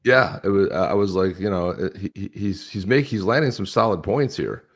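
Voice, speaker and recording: A man with a very low voice hosts a podcast in loose, unscripted chat. He talks bluntly and crudely, rambling as he reacts to clips. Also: moderate pace, breathy edge. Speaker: podcast host.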